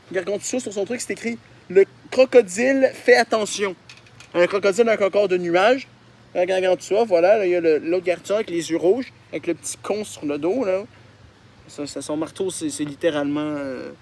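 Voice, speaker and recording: A man's voice: sits high, darkish tone, a little hiss or hum. A young man with a Québécois accent, making mocking, self-deprecating commentary on his old drawings and swearing often. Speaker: YouTuber. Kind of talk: casual commentary on childhood drawings.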